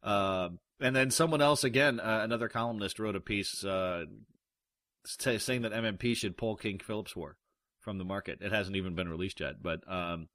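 A man's voice: on the low side, normal speed, a bit bright, no room sound, clean studio sound. A man hosting a podcast, chatting casually through the news with lots of restarts and fillers. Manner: rambling, many restarts and fillers. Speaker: podcast host.

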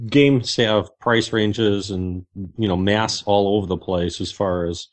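A man's voice: lowish voice, takes it slowly. A man co-hosting a podcast in casual conversational talk. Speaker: podcast co-host.

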